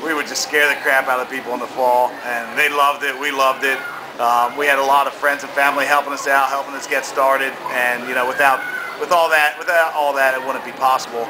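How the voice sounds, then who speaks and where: A man's voice: medium pitch, steady tone, a little fast. Middle-aged American man, noisy background. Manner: rambling, repetitive, emphatic. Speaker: haunted attraction founder being interviewed. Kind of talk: casual interview talk.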